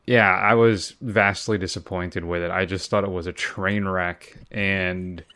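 Deep-voiced man with dry sarcasm. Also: flat delivery, measured pace, pushed and bright, no echo. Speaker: podcast co-host. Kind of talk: casual chat.

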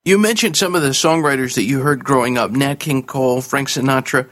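A man's voice: mid-range voice, brisk, a bit bright. A man hosting an interview in a formal radio style, introducing his guest and putting questions. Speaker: interview host.

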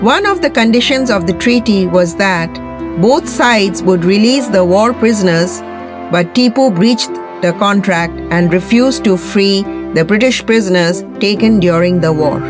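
A woman's voice: medium pitch, animated, a little slow. A woman hosting and reading a scripted history narration. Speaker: podcast host. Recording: music bed under the voice. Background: background music.

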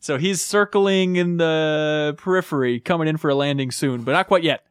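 A man in his thirties hosting a casual podcast, telling quick joking stories into a close mic. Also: a little high, clean tone, no room sound. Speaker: podcast host.

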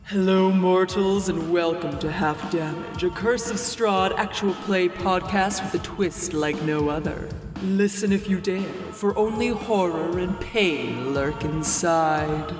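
An actor playing a menacing, theatrical undead horror host in a comic podcast promo, grandly addressing mortals and easily exasperated. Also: male voice, high voice, takes it slowly, few pauses. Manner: theatrical, ominous. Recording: long cavernous reverb over music.

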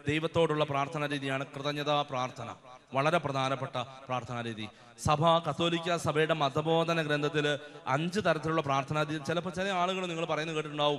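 A man's voice: fairly high pitch, a bit bright. A male preacher giving a sermon, asking the congregation questions and calling out hallelujah between points. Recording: hall reverb.

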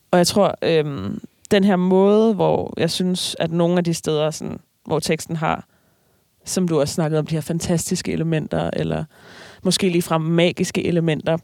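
A writer reading aloud slowly from a novel, then talking about the book with hesitant fillers. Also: medium pitch, vocal fry, a little mellow, dry recording, studio quality. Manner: slow, measured reading with hesitant fillers in discussion.

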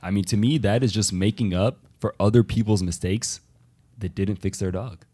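A man with a low voice, the guest on a casual podcast. He talks bluntly and swears freely, with a deep pitch. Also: normal speed, mellow.

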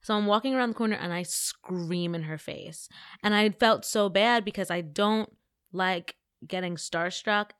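A woman's voice: medium pitch, normal speed, smooth, no echo, studio quality. A woman in casual chat who laughs often and drawls her asides.

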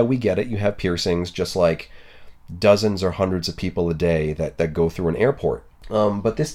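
Man, lowish voice, casual chat, storytelling, filler words, occasional swearing. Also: darkish tone. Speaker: podcast co-host, body piercer.

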